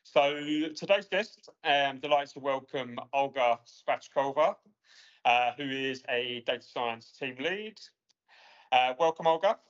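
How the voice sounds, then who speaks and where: A man hosting a podcast interview, relaxed and sprinkling his questions with uh and um. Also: mid-range voice, takes it slowly. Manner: relaxed, many uh and um fillers. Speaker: podcast host. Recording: lo-fi remote audio.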